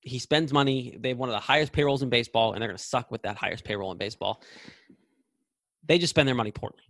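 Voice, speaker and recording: A man in his late twenties speaks in a casual podcast chat, laying out blunt, opinionated arguments. His voice sits at a middle pitch and sounds dry and close, with no room echo. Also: fast, a bit bright. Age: 20s. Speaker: podcast co-host.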